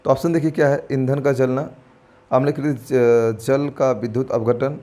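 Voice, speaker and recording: A male teacher works through exam questions in a chatty, informal way. He talks to viewers like friends, thinks out loud and corrects himself as he goes. He drops English terms into his explanations, in a voice of middling pitch. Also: fairly even intonation, moderate pace. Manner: thinks aloud and corrects himself mid-answer. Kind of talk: exam-prep lesson walking through quiz questions.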